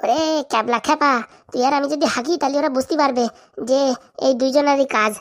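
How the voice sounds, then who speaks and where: A woman's voice: high-pitched, a little fast. A woman voicing a crafty, boozy middle-aged village man in a comedy cartoon, bossy and lecturing. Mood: scheming.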